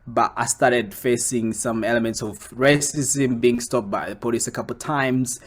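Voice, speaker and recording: A young man from Congo, a comic book creator, answering interview questions in a casual, animated way that jumps up when he quotes himself. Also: mid-range voice, moderate pace.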